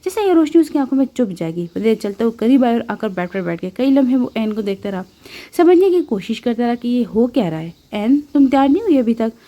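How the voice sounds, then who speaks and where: Mellow woman narrating a novel. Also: a little high, big pitch swings. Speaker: audiobook narrator. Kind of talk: scripted romance novel narration.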